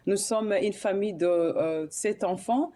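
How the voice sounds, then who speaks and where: A woman's voice: mid-range voice, a little slow, warm tone. A woman, a singer interviewed as a guest on a TV studio show. She speaks hesitantly, with many fillers and restarts. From Burundi.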